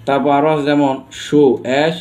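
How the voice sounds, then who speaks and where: The man's voice sits on the high side, level and a little mellow, moving at normal speed. With a Bangladeshi accent, he teaches pronunciation to a class, spelling words letter by letter and continually questioning his students.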